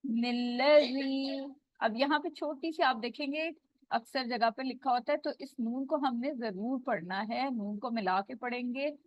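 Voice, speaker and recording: In this online lesson, a female teacher with a fairly high-pitched voice explains the rules of Quran recitation one step at a time, stretching out each Arabic word. There's no echo, and the audio sounds dull, dry, and low-fidelity.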